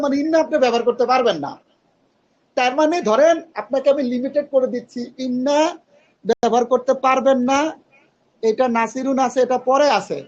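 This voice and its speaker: A man's voice: very high voice, highs cut off. A man teaching Arabic grammar in an online class, patiently quizzing his students and mixing in English terms.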